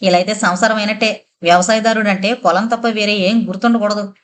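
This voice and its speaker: A woman's voice: mid-range voice, fairly even intonation, brisk, natural voice. Harsh young husband in an audio novel, curt and stern, read by a woman.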